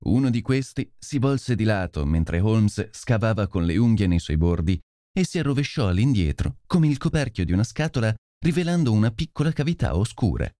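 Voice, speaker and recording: A man narrating a detective story in expressive, scripted audiobook style. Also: on the low side, dry recording, studio quality.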